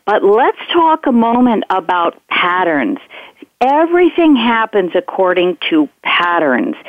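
A woman guiding a meditation in a measured, instructive way, pausing between phrases. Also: medium pitch, no echo. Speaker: meditation guide. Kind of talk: guided meditation and spiritual teaching. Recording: tinny phone-like line with music behind.

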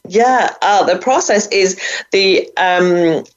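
A woman's voice: mid-range voice, slow. A middle-aged woman talking enthusiastically as an interview guest about budgeting, with plenty of fillers. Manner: enthusiastic, chatty, many fillers. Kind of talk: casual interview talk. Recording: dull lo-fi audio.

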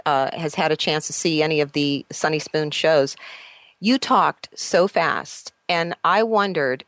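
A woman's voice: on the low side, fairly bright tone, no room sound. A woman hosting an interview, asking curious, chatty questions. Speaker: interview host. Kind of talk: radio interview.

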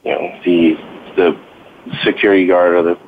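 A man's voice: low voice, level tone, normal speed, gravelly. A middle-aged man, a father and podcast guest, telling stories earnestly in a casual chat, with lots of "you know". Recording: tinny phone-line sound with faint noise.

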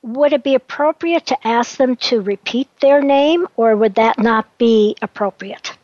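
A woman with a high voice hosts the interview, asking her questions in a conversational, inquisitive way. The sound is dry and a little dull. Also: measured pace, a little mellow, dry recording. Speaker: interview host. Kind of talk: radio interview.

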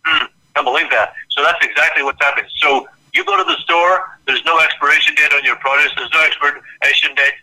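Fast-talking, bright-voiced man from Ireland. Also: fairly high pitch, animated, low-quality recording. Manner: fast and emphatic, storytelling. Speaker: guest nutrition expert. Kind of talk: casual interview talk.

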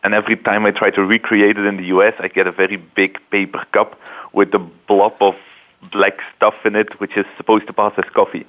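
A man from Belgium with a Belgian accent, calling in to a radio show and telling a relaxed story. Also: on the low side, fairly quick. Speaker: caller. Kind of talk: casual chat. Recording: tinny phone line.

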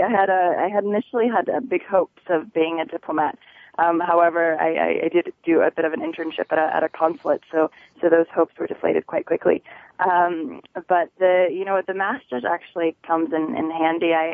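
A woman's voice: deep voice, dry recording. Hesitant woman on a tinny phone line. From Connecticut. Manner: hesitant, halting delivery. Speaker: real estate agent, interview guest. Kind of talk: conversational radio interview.

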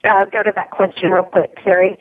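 A woman speaks as a radio guest over a thin, tinny phone line whose audio keeps breaking up and dropping words. Her pitch sits at an ordinary middle height, and she talks in a steady, matter-of-fact way. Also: a little fast. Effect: phone audio breaking up and cutting out. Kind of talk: call-in radio discussion.

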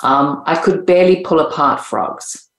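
An older woman with a Zimbabwean accent answers interview questions in an upbeat storytelling manner. Her voice sits low for a woman. The recording has a roomy echo around it. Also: measured pace. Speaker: guest, senior living coach.

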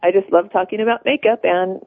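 A woman's voice: mid-range voice, fairly even intonation, a little fast, no room sound. An American woman, a stylist guest on a radio interview, chatting casually and sharing tips. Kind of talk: casual chat, giving tips. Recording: thin phone-line radio sound.

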